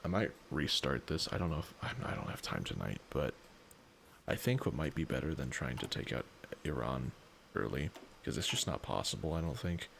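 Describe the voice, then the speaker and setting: A man's voice: rumbling low, sing-song, moderate pace, creaky, a bit bright, slight background noise. An exhausted man rambling and thinking aloud as he streams a strategy game in a casual way.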